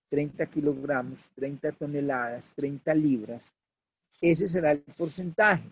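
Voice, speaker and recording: A man teaching a worked problem as a lecture, slow and deliberate, repeating key figures. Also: fairly high pitch, darkish tone, breathy edge, dry recording, lo-fi sound.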